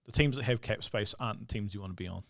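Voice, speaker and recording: Measured podcast co-host, man. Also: on the low side, gravelly, dry recording, clean studio sound. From New Zealand. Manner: measured, chips in with short counterpoints. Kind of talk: casual sports chat.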